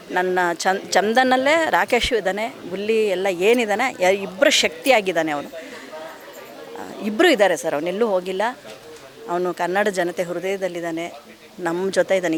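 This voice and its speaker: A middle-aged actress with a Kannada accent, speaking with heartfelt, measured emotion about her late son in an interview. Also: mid-range voice. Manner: heartfelt, measured, often addresses interviewer as sir. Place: outdoors at an event with a crowd. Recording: crowd noise behind.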